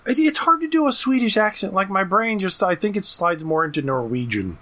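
A man co-hosting a podcast in casual chat, talking in a lively way and often restarting his words. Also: high voice, a little fast. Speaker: podcast co-host.

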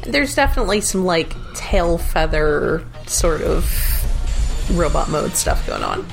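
A woman co-hosting a podcast, playful and quick to laugh while recapping a cartoon episode. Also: lowish voice, very animated, gravelly, soft background music, low-quality recording. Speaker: podcast co-host.

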